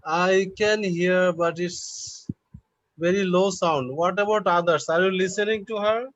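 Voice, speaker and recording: A man teaching an online class, explaining slowly and patiently over a video call. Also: high-pitched, fairly bright tone, dry recording. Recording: dull lo-fi online call audio.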